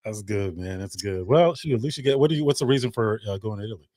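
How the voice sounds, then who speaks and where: Teasing podcast co-host, dry sound. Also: male voice, on the low side, expressive, fast, dark tone, no echo. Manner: teasing, asks short questions. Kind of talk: casual podcast chat.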